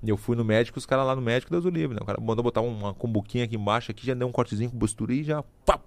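A middle-aged man, a podcast guest telling stories in a casual, lively way. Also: medium pitch, very fast, dry recording. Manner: lively, vivid storyteller who adds sound effects. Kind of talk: casual storytelling. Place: podcast studio.

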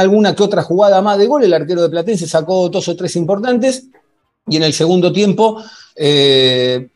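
An Argentine man recaps football as a podcast host in a high register. He talks conversationally, doubling back on phrases and seeking agreement. Soft music plays behind him. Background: faint music.

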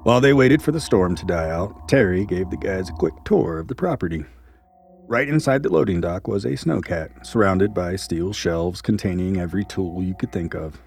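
Deep-voiced man narrating an ominous story. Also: animated, a little mellow, a little hiss or hum. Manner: measured, ominous. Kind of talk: scripted horror story narration.

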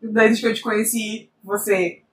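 A woman retelling the lines of a calm teenage vampire boy from a book. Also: medium pitch, unhurried, lightly acted. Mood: earnest. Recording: roomy, distant mic.

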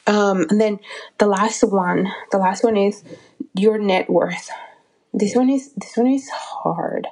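A woman's voice: mid-range voice, takes it slowly, a little mellow, slightly rough. Woman in her 40s, motivational business coach vibe, earnest, lots of restarts while she finds the words. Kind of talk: motivational solo talk.

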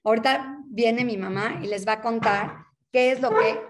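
A woman tells her own story to an audience as a personal testimony, in a lively, animated way. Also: on the high side, normal speed, slight background noise. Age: 40s. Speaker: daughter telling her story.

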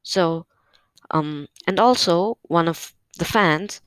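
A slightly nervous podcast host gives a casual solo update from home, using a new microphone mounted on a stand and speaking haltingly with many fillers. The medium-pitched voice is slow, fairly bright, and clean, with no room sound.

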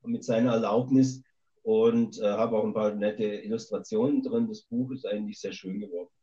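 A male author, interviewed for a remote podcast, speaks through a satellite call line with a dull lo-fi quality. His fairly low, mellow voice has fairly even intonation and normal speed, and he talks in a rambling, thoughtful way, hesitating frequently.

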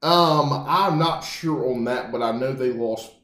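Animated male sports talk co-host; mid-range voice, echoey room. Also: mid-range voice, unhurried. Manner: animated, mock-announcer asides. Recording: roomy echo.

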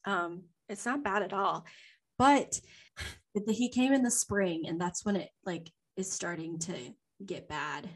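A young woman from Louisiana co-hosts a podcast, casually telling a story from memory in a rambling, chatty way full of ums and laughs. Her medium-pitched voice moves at a measured pace, and the audio is poor.

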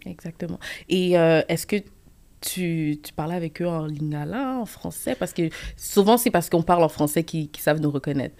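A woman's voice: sits low, normal speed, darkish tone. A woman hosting an interview, asking questions and affirming often. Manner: attentive, asks questions, frequent affirmations. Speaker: podcast host. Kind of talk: casual interview chat.

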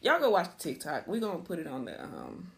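A woman co-hosting a podcast in casual chat, animated and slangy, often repeating herself. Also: on the low side, a little fast, vocal fry. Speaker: podcast co-host.

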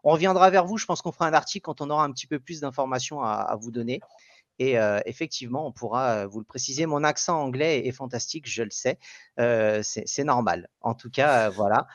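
A man's voice: medium pitch, fairly quick, no echo, lo-fi sound. A man hosting a casual tech podcast, explaining news with many fillers and restarts. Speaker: podcast host.

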